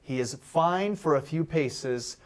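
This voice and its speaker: A man who is a pastor, giving a sermon-style devotional as a studio guest and telling a Bible story with lively, humorous acted-out asides. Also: a little high, slow. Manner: animated storyteller, acts out quotes with humor.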